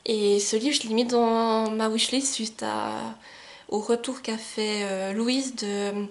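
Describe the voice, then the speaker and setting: Filmed at home with a camcorder mic, a young woman does a casual book haul vlog about her gifted books, chatty and enthusiastic, with frequent "euh" pauses and light laughter. Her voice is a little high, with fairly even intonation.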